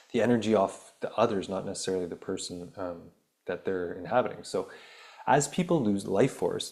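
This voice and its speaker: Hosting his own healing podcast, a man reads an article aloud in a fairly low, slightly mellow voice that has turned raspy from the reading. He trips over words, then slides into loose, rambling asides filled with ums and uhs.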